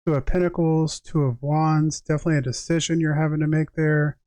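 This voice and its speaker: On his livestream, a male tarot reader with a moderately high, dark voice talks a little fast in a level tone. He switches between reading passages aloud and relaxed, thoughtful chat with his viewers, recorded very dry with no echo or room sound.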